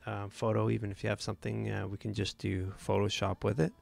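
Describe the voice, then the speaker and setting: A man's voice: on the low side, little pitch movement, fast, creaky. A man hosting a live photo editing tutorial, talking casually with many fillers and restarts.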